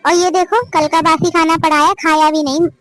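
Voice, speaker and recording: Brief: female VO for a stingy, harsh cartoon mother-in-law, commanding scolds, very high voice. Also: steady tone, moderate pace, a bit bright, no echo, faint music behind. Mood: scolding. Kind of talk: cartoon family drama voice acting.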